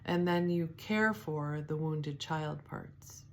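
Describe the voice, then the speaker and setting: A woman giving a spiritual teaching, speaking softly and reflectively, with pauses, fillers and restarts. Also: low voice, slight background noise. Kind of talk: devotional teaching talk.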